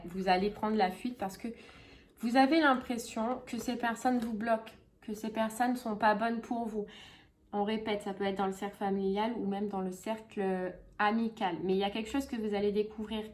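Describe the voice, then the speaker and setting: A woman's voice: medium pitch, fairly even intonation, a little fast, a little hiss or hum. A woman giving a casual tarot reading, chatty and full of fillers and repeated phrases. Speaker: tarot reader.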